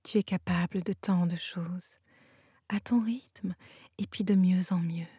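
Woman whispering as a gentle, teasing female unicorn. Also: fairly low pitch, steady tone, measured pace, husky, no echo, clean studio sound. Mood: reassuring. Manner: soft and teasing. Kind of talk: whispered role-play.

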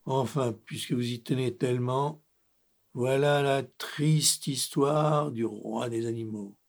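A man's voice: mid-range voice, steady tone, slow. Man voicing a grumpy lonely lion king. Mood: sulky. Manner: grumpy, growling, sighing. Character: sad lonely grumbling male lion, king of animals.

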